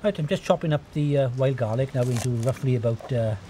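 Welsh man in his fifties, cooking-show host, dark mellow tone, faint outdoor noise behind. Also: medium pitch, quick pace. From Wales. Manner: relaxed and chatty, frequent ums and uhs. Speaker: forager and outdoor cook. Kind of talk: cooking demonstration. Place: rocky beach outdoors.

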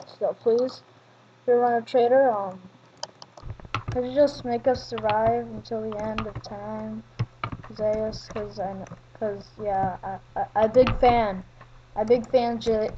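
A woman giving solo video game commentary, chatting at other players and swinging from mumbled asides to excited yelling. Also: a little high, lo-fi sound, a little hiss or hum. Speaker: gaming commentator. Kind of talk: solo Minecraft gameplay commentary.

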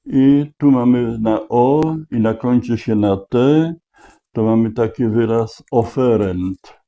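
A man works through a crossword out loud, unhurried and methodical, sounding out letters one by one. His voice is very dark and mellow, caught on a dull, lo-fi recording. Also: mid-range voice. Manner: slow, deliberate, spelling out letters. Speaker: crossword solver. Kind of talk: thinking aloud while solving a crossword.

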